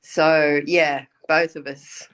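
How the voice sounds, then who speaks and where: A hoarse woman guest in a casual conversation who answers softly and briefly and agrees readily. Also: sits low, flat delivery, slow pace. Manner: soft, agreeable, brief replies.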